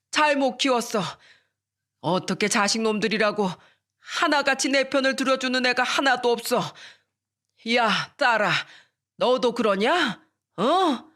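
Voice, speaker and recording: A woman's voice: fairly high pitch, pitched above the performer's own voice. A woman voicing an angry 65-year-old father who scolds his grown children in a radio story. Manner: shouting, scolding, drawn-out demands.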